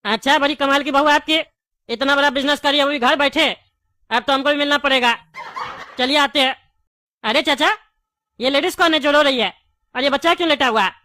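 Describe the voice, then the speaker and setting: A woman playing a chatty male candy shopkeeper in a comedy skit, quick to argue and laughing often. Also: high voice, pushed and bright, slight background noise. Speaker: comic skit actor.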